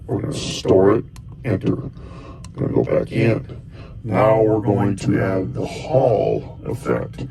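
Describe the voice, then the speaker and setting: A costuming hobbyist with a fairly low, creaky, mellow voice walks through a casual step-by-step tutorial. He thinks aloud while pressing buttons, speaking in loose, rambling phrases.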